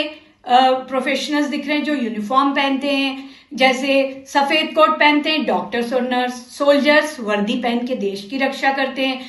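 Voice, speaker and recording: A woman's voice: high-pitched, a bit bright, roomy sound. A woman teaching a children's literacy lesson, patient and encouraging, slipping between Hindi and English.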